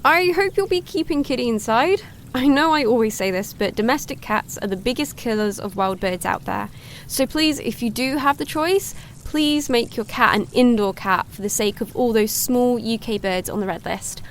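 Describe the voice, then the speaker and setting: An actress playing a cheerful young woman hosting a woodland wildlife livestream, chatty and excitable. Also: fairly high pitch, moderate pace, a little hiss or hum. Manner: chatty, excitable, gasps at sightings. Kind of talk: audio drama, chatty live-stream narration.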